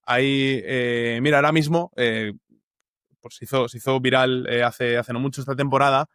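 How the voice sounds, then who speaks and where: A man's voice: medium pitch, fairly even intonation, normal speed, a bit bright, clean tone, dry recording, clean studio sound. A young man from Uruguay with a Spanish accent from the Valencia area, a journalist talking as a guest in a casual interview, thoughtful and full of fillers and restarts.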